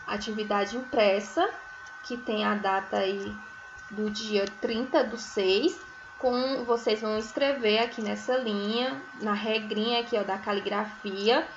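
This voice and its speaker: Woman teaching first graders at a very slow pace, high-ish voice, sounds out each syllable, somewhat muffled recording. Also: a bit bright, slight background noise. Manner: frequent checking tags like "né?" and "certo?". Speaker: primary school teacher.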